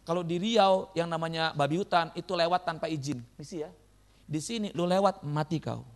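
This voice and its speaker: A man preaching a sermon as pastor, lively and joking with his congregation in a church. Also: fairly high pitch, fairly quick.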